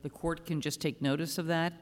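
A man presides as a judge, speaking from the bench in probing, halting phrases. His voice is a little high and carries long room reverb. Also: level tone. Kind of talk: questioning from the bench.

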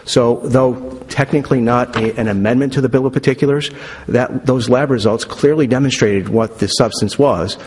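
A man's voice: medium pitch, normal speed, a little mellow. Male appellate lawyer in a reverberant, noisy hall. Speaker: lawyer for the state arguing an appeal. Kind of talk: formal oral argument. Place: large indoor courtroom. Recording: reverberant courtroom, clearly audible noise.

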